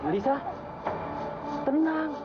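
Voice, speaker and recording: An actress playing a lively, concerned young friend in a horror film. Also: female voice, high-pitched, extremely slow, over loud music. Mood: worried. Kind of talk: Indonesian horror film acting. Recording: dull lo-fi old film soundtrack.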